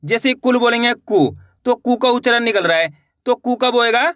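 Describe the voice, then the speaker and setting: Male teacher, Hindi accent from India, step-by-step lesson, bright, dry close sound. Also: extremely high pitch, moderate pace, no echo. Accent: Hindi-speaking India. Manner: repeats words, asks and answers own questions.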